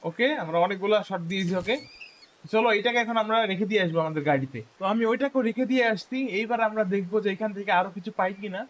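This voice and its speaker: A fast-talking gaming YouTuber rambles through a hunting game for his viewers, calling them guys and excitedly repeating words whenever something happens. His voice is high, and a faint ambient hum stays underneath his casual commentary.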